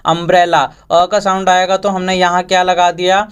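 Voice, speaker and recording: A man's voice: high-pitched, flat delivery, moderate pace, fairly bright tone, clean tone. A man teaching English grammar, patiently repeating each point and posing questions to his viewers. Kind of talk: Hindi-language grammar lesson.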